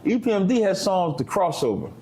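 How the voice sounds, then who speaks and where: His voice is high, sing-song and darkish, moving a little fast. This interviewed guest, a man in his 50s, chats casually and emphatically with plenty of street slang and a preaching edge.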